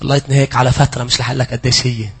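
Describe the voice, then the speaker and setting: Animated Lebanese preacher with a husky voice. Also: male voice, mid-range voice, rapid-fire. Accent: Lebanese Arabic. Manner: animated, swings between loud pleading and hushed asides. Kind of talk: sermon.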